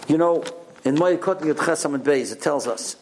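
A middle-aged man with quite a high-pitched voice. He teaches like a rabbi giving a lecture, moving between text and storytelling. He repeats key phrases for emphasis and puts questions to his listeners. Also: a little fast, darkish tone, a little hiss or hum.

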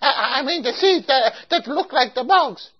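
With a high voice, lively intonation, and normal speed, a woman acts out the role of a picky, insistent older customer and matchmaker in a homemade comedy skit. Her character keeps repeating herself in broken English stuffed with Yiddish. The audio is dull lo-fi.

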